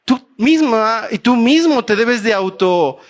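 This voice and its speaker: A man with a Mexican Spanish accent preaches in church, in a fairly high voice. He tells a story in an earnest tone and puts questions to his listeners. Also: expressive, normal speed. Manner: earnest, asks the congregation questions. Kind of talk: sermon with a told story.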